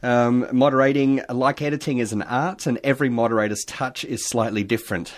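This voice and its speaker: A man's voice: medium pitch, brisk. A man, an online community moderator, chatting animatedly on a radio panel and telling stories from his work. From Australia. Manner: chatty, animated storyteller who reads posts aloud.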